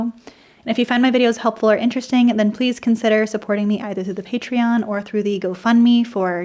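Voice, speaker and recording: A woman presenting an explainer video, her voice dry and croaky, dropping into vocal fry at the ends of sentences. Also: fairly high pitch, darkish tone. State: dry, croaky, irritated throat. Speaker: host of an explainer video channel. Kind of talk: scripted explainer narration with personal asides.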